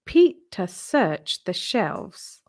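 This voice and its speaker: With a mid-range voice, a woman performs a children's storybook aloud, taking an expressive and unhurried storytelling approach.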